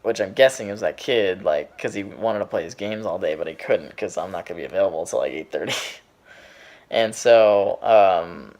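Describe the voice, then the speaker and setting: A man's voice: low voice, expressive, moderate pace, a little mellow. A man in his twenties casually telling a story to his vlog audience, rambling with lots of fillers and restarts. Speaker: vlogger.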